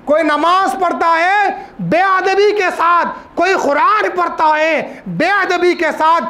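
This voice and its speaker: High, bright-voiced man preaching emphatically. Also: fairly even intonation, slow. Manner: emphatic, repeats phrases, asks rhetorical questions. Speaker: religious speaker. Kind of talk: religious lecture.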